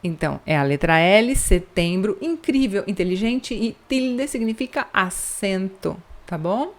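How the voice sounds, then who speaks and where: A woman's voice: medium pitch, animated. A Brazilian woman with a São Paulo accent teaching Spanish pronunciation in a chatty online lesson, drawing sounds out in an exaggerated way and checking in often. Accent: São Paulo Brazilian Portuguese. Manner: exaggerated, drawn-out demonstration of sounds; chatty, checks in with frequent asides.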